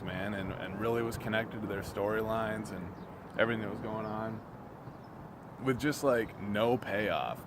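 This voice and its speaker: A man sounding drunk as he delivers an off-the-cuff video rant, rambling, halting and repeating himself, exasperated and swearing freely. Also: lowish voice, noisy background. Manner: exasperated, profane. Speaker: YouTube reviewer.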